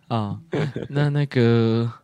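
Low-voiced man chatting casually. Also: fairly quick, darkish tone, dry recording. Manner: rambling, explanatory, many fillers and restarts. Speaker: podcast co-host. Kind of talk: casual chat.

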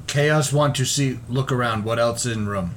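A man's voice: medium pitch, moderate pace, a little hiss or hum, pitched below the performer's own voice, natural voice. A man voicing a blunt, proud, dim-witted warrior in a tabletop game, speaking in clipped broken sentences. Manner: clipped broken speech in third person.

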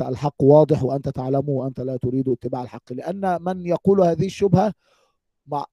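A man's voice: a little high, vocal fry, mellow, husky, no room sound, muffled recording. A man teaching an Arabic grammar lesson, speaking emphatically and asking the class rhetorical questions. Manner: emphatic, addresses listeners as "my people", quotes scripture.

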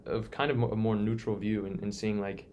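A man's voice: fairly low pitch, flat delivery, a little fast, darkish tone, slight background noise. A young man in his early twenties talking in a casual podcast chat, earnest and reflective, often restarting his sentences. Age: 20s. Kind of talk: casual conversation.

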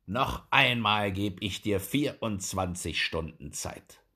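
A man reading a fairy tale, voicing a proud, hot-tempered duke in a loud, pompous, commanding voice. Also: medium pitch, expressive, measured pace, husky, exaggerated voice. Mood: furious.

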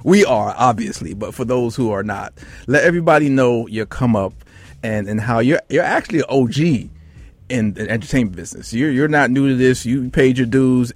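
A man hosts a casual talk show, bringing guests on with playful hype. His voice moves a lot in pitch. The sound is close and dry. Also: lively intonation, normal speed, no room sound. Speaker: host. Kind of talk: casual radio chat.

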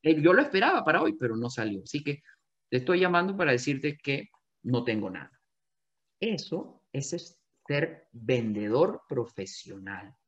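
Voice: medium pitch, sing-song, moderate pace, highs cut off. A real estate sales coach giving an emphatic coaching talk to agents, often repeating key phrases.

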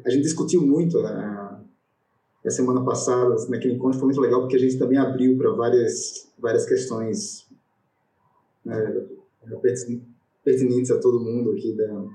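A man's voice: medium pitch, steady tone, moderate pace, mellow. A man hosting an online panel, rambling casually with restarts and hesitations. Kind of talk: casual online video call discussion. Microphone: video call. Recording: echoey room on video call.

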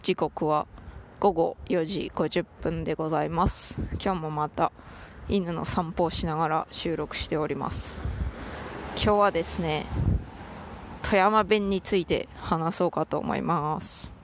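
A podcast host with a Toyama dialect accent talks casually while walking a dog outdoors, with a gravelly, fry-edged voice at an ordinary pitch. The delivery is chatty and playful, full of mock-formal turns of phrase, with a faint outdoor hum behind it. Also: steady tone, unhurried. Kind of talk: casual solo podcast chat.

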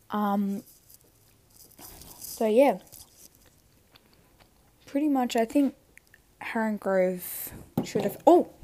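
Slow, halting young woman with tonsillitis. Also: mid-range voice, darkish tone. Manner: rambling, halting, self-interrupting. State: sick with tonsillitis. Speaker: podcast host. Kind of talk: casual solo podcast chat.

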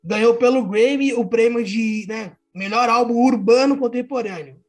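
A man's voice: extremely high pitch, moderate pace. A young adult man with a Brazilian Portuguese accent, talking casually about music as a podcast panelist, in an informal, slangy way with some swearing.

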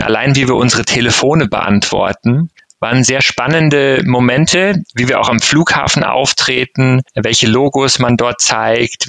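A man's voice: medium pitch, creaky, fairly bright tone, no echo. A man speaking as a guest in an interview, answering thoughtfully with hesitations and fillers and mixing in English business terms. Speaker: marketing director interviewed as guest.

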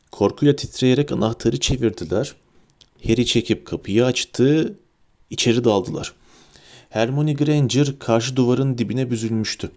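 A man narrating a storybook in a lively, dramatic reading. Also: medium pitch. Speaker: audiobook narrator.

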